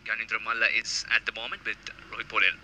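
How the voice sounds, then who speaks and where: Male cricket pundit, bright and crisp, breaks down tactics in live co-commentary. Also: on the low side, level tone, quick pace, slight background noise, rough recording. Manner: analytical, explains tactics.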